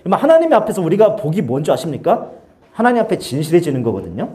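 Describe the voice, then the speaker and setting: 활기찬 목소리의 남자 청소년부 목사. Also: male voice, fairly high pitch, fast talker. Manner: animated storytelling with sound effects and acted-out quotes. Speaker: youth pastor. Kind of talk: lively youth sermon. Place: church.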